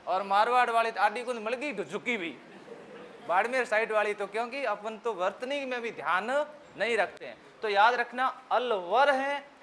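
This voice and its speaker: Man, rajasthani accent, high and bright voice, jokey exam-coaching lesson, answers his own questions. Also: slight background noise. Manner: jokey, asks the class questions and answers them himself; mimics regional speech for laughs. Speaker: teacher. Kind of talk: exam-prep memory-trick lesson.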